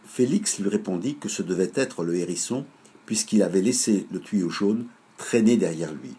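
A man reading a children's story aloud in a measured, lively way. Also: low voice, slightly rough.

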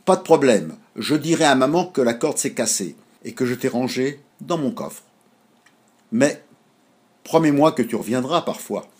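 A man voicing a spirited little girl in a storybook, with a husky voice and an eager, protesting manner. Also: medium pitch, expressive, moderate pace, a little mellow.

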